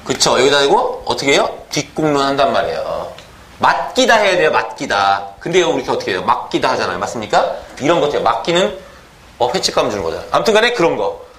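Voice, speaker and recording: A man teaching a grammar lecture, animated, constantly asking the class questions and mimicking pronunciations. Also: medium pitch, fast, slight background noise.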